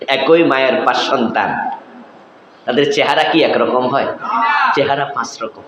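A man's voice: mid-range voice, a little slow, a bit bright, roomy sound, big-room sound, a little hiss or hum, low-quality recording. A man delivering a sermon with a Bangladeshi Bengali accent, quizzing the crowd and building to exclamations. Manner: preaching with call-and-response questions to the crowd, rising exclamations. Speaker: preacher. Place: religious gathering before a crowd.

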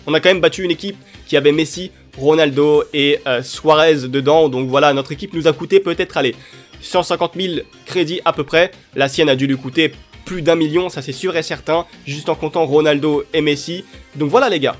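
Guy hyping up his football game matches, voice on the high side, quiet music behind. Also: brisk. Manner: excitable, cheers and shouts at plays. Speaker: gaming YouTuber. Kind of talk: live gameplay commentary. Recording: light music underneath.

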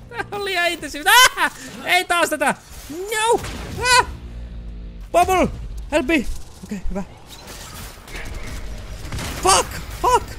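A man commentating his own gameplay, his voice jumping high and all over the place as he curses and yelps. Game music plays clearly underneath him. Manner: frustrated, swearing, mixing English exclamations; shouting and yelping high in tense moments. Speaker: gaming video creator.

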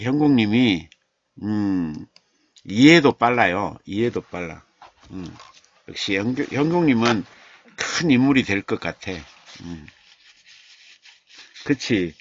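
A man's voice: medium pitch, a bit bright, no echo, dull audio. A man hosting a live-stream writing workshop, coaching a poem's edits. He thinks aloud, repeats phrases and corrections, and presses his points. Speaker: literature teacher and streaming host.

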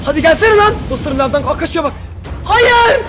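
Excitable high-pitched young man gaming. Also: rapid-fire. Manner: excitable, shouting, addresses viewers as friends. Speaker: gaming video creator. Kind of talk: excited gameplay commentary. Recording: loud music over the commentary.

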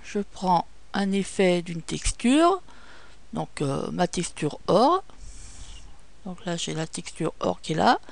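Woman with gravelly fry giving steps. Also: fairly low pitch, sing-song, slow pace. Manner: step-by-step instructions with frequent fillers. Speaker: tutorial presenter. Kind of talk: screen-recorded software tutorial.

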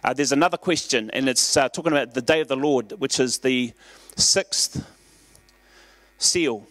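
Earnest New pastor preaching. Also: male voice, medium pitch, fast, no echo. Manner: earnest, conversational preaching with fillers and rising emphasis. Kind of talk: sermon. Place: church.

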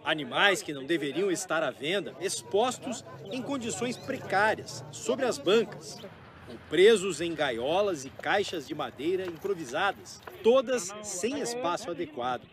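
A Brazilian man reading a scripted news report in a grave, measured voice. His voice sits high and moves around a lot, with a crowd audible behind him. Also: very animated. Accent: Brazilian Portuguese.

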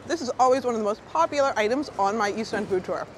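A woman with a high-leaning, expressive voice talks fast and eagerly as she guides a food tour in a vlog. She moves from outdoor streets into small food shops, and the background is noisy with street sound.

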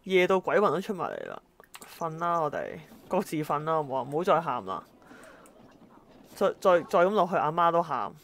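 A woman narrates her own gameplay, her voice sitting a little low. She talks in an exasperated, exclaiming way, scolding the characters on screen as she plays. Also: wildly swooping pitch, fairly quick, slight background noise. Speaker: gameplay commentator. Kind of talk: let's-play commentary.

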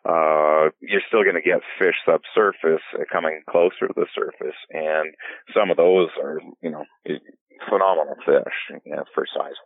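A man, a fly fishing guide and filmmaker, answering in a relaxed podcast interview and rambling through many restarts. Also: extremely low pitch, no room sound. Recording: tinny phone-like line.

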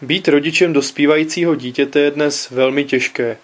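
A man's voice: fairly high pitch, fairly even intonation. Wry male reader of a humorous column. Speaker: narrator, reader. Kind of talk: reading a humorous newspaper column aloud.

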